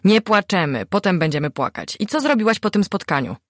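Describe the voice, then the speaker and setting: A woman's voice: mid-range voice, big pitch swings, a little fast, no room sound, studio quality, voice pushed up. A woman voicing a bossy, impatient young female friend who gives orders and scolds. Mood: scolding. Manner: commanding, scolding.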